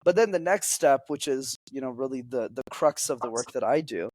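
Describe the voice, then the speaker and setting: Appearing as a podcast interview guest, a young public speaking coach whose first language is French talks through his points in a lively, energetic, teacherly way. His middle-pitched voice moves briskly, recorded close and dry with no room echo.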